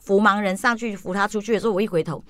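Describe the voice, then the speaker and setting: A woman's voice: mid-range voice, fairly even intonation, racing, no echo, clean studio sound. A middle-aged woman on a talk show, telling anecdotes in casual chat and acting out the people she quotes.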